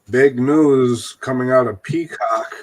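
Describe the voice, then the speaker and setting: A man's voice: medium pitch, rough recording. A man on a casual wrestling podcast, delivering news items in a laid-back way. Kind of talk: casual chat.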